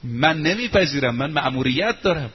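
A preacher voicing a stern young warrior. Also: male voice, fairly high pitch, expressive, slightly rough. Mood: firm. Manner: firm, commanding. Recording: muffled lo-fi recording, faint hiss.

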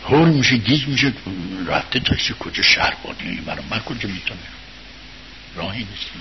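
A man giving an informal religious talk, telling a story to his listeners in a conversational way, rising to loud bursts and sinking to quiet murmurs. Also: on the low side, animated. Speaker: religious speaker addressing an audience. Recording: dull lo-fi recording with faint hiss.

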